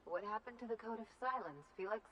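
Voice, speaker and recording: A woman's voice: on the high side, fast talker, muffled recording, natural voice. An actress voicing a guarded female crewmate with a wry, deflecting manner.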